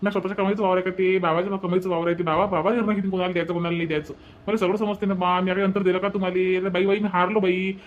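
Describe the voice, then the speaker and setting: A henpecked cartoon brother from a Varhadi Marathi village, voiced by a man, pleading and exasperated. His voice is high for a man and he talks fast. The recording sounds dull and lo-fi, with faint noise behind. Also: level tone, lightly acted. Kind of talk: cartoon voice acting.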